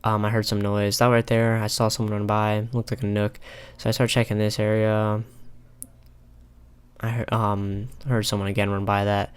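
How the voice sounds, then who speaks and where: A young man calmly talking over a replay of his own ranked match, pausing often with filler ums. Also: fairly low pitch, clear, resonant tone. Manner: halting, many filler ums, calm and analytical. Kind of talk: casual gameplay commentary. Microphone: console headset mic.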